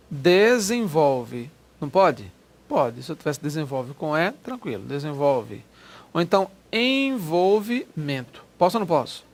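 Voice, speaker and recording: A man's voice: on the high side, gravelly. A man explaining exam grammar questions, stretching key words and checking in with listeners often. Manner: explanatory, drawn-out stressed words, frequent "né?" checks. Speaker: Portuguese grammar teacher. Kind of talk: exam-prep lecture walking through test questions.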